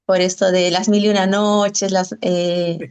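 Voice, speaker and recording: Smooth-voiced woman moderating questions. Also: mid-range voice, level tone, a little slow, a little mellow. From Argentina. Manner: filler-heavy, searching for words.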